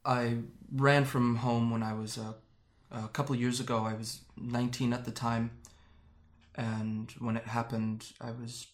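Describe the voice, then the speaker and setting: An actor playing a guarded young man from Japan, quietly recounting how he fled home in an audio drama. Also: medium pitch, level tone, natural voice. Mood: somber. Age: young adult. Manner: soft, hesitant storytelling with halting restarts. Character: young man, guarded and wry, recalling his escape. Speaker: interviewee.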